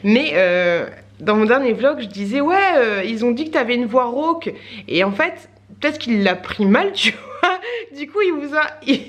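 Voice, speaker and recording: A woman's voice: on the high side, expressive, normal speed. A woman vlogger in her thirties, chatting casually to camera in a rambling way with lots of fillers and little laughs.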